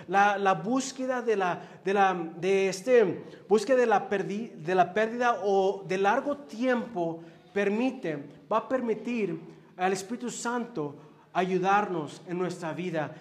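A man preaching a sermon in a slow, earnest way, with frequent filler words. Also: sits high. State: dizzy.

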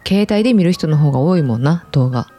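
A woman hosts in a relaxed, conversational Osaka-area Kansai accent, her intonation rising and falling freely. She is chatty and moves easily between banter and announcing segments. Faint music runs behind her. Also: low voice, fast. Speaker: host. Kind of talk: casual chat with announced segments.

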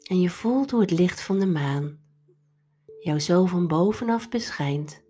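A woman leading a guided meditation in a soft, breathy, soothing delivery over instrumental music. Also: on the low side, animated, measured pace.

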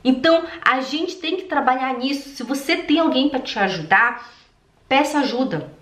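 A woman, a German teacher giving a casual video lesson and repeating drill words slowly and emphatically. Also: high voice, expressive, a bit bright. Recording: echoey room.

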